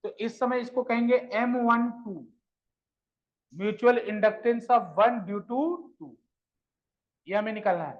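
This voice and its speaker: Speaking slowly and pausing often in a high voice, a man teaches physics to a live class, repeating his questions and gently urging his students on as though they were children, which he affectionately calls them. The recording has a dull lo-fi quality.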